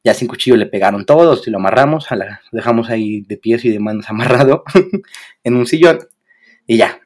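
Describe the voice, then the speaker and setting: Co-hosting a podcast, a young Mexican-accented man with a mid-range voice tells a story at a slightly quick clip. His delivery is lively and packed with slang, and he performs the quoted lines in character.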